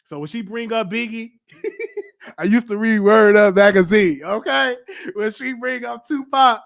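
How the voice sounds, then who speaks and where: A man in his twenties with a Southern US accent, a show host telling a casual, animated story on a live stream in slangy, repeating phrases. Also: high voice, a little slow, gravelly, no echo. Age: 20s.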